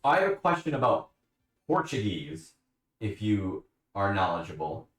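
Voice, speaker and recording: A man's voice: lowish voice, very animated, a little slow, a bit bright, distant mic, soft background music. A man chatting casually on a live stream, answering questions from his chat. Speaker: livestreamer. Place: at home, bathroom with a bathtub. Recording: echoey room, away from the mic.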